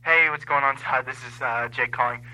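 A man leaving a giddy voicemail over a landline phone, laughing and shouting with excitement. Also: mid-range voice, a little fast, poor audio. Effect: voicemail heard over a landline phone. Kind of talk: casual phone message.

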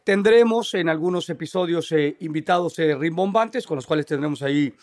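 Mexican man, podcast co-host, rapid-fire delivery, slightly high voice, rambling, slangy. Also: a little mellow. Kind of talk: casual chat.

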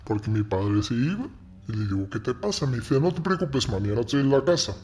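A man from Morocco, telling his story in an interview in a halting way, repeating words. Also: medium pitch, big pitch swings, darkish tone. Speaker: interviewee, former smuggler. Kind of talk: interview testimony.

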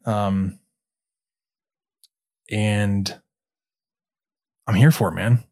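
Slow-paced man talking sports stats. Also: on the low side, fairly even intonation, darkish tone. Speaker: sports podcast co-host. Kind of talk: casual sports analysis, reading out stats.

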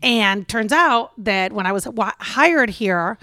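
A woman's voice: mid-range voice, dry recording, studio quality. A woman whose first language is Spanish, speaking with a light Spanish accent and telling stories in a casual radio chat as a guest. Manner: animated, storytelling, quick to laugh. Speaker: TV feature reporter, guest.

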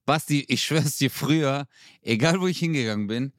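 A young man chatting casually on a podcast, telling an animated story with street slang. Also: mid-range voice, moderate pace, dry recording, studio quality. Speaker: podcast co-host. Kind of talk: casual chat.

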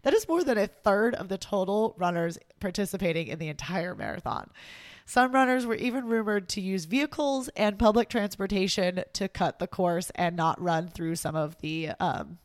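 A woman's voice: mid-range voice, moderate pace, no echo. A woman hosting a weekly sports news roundup in a chatty, amused way, laughing between stories.

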